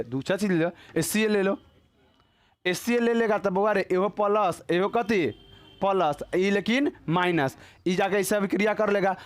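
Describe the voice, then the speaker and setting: A man with a Bihari accent teaching a class, constantly quizzing his students in a chatty, joking way. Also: high-pitched. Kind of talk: classroom lecture.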